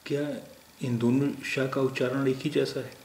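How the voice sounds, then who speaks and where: A man from India teaching a language lesson, explaining patiently and pausing often to think aloud. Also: mid-range voice, little pitch movement, a little mellow. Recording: roomy echo, faint background noise.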